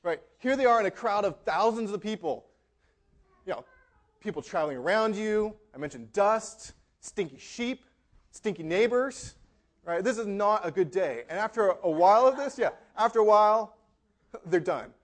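Speaking at a normal speed in a high, animated voice, this American pastor jokes through a conversational sermon. He acts out quotes, laughs, and keeps tossing in "right?"

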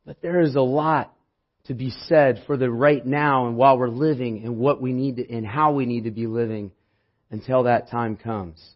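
A man with a hoarse voice preaching a church sermon in an informal, anecdotal way, as if talking with his congregation. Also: medium pitch, steady tone, moderate pace. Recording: dull, muffled sermon audio.

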